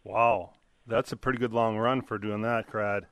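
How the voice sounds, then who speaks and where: A man's voice: fairly low pitch, fairly even intonation, normal speed, a bit bright, dry recording. A man co-hosting a radio segment, talking in a chatty, jovial, rambling way. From Minnesota. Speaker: segment co-host. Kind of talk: casual radio talk.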